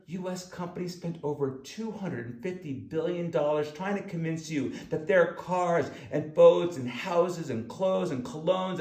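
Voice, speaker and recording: A man narrates his own self-help audiobook, addressing the listener directly and with emphasis. His voice is high-pitched and a little mellow, and the recording carries an echoey room sound.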